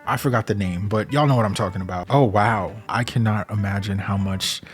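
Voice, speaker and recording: A man's voice: on the low side, brisk, soft background music. Joking, sarcastic man vlogging. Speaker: YouTuber reviewing a house. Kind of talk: casual chat.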